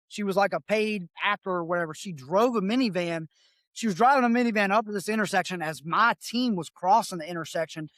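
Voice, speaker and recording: A man's voice: high-pitched, fairly bright tone, no echo. Casting: male veteran co-host, salty, joking, dry close recording. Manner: swearing, joking, laughs while telling. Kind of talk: casual chat.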